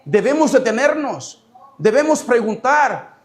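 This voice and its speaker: A male pastor preaching a sermon, animated, repeating words and voicing prayers aloud. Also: very high voice, measured pace. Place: church sanctuary.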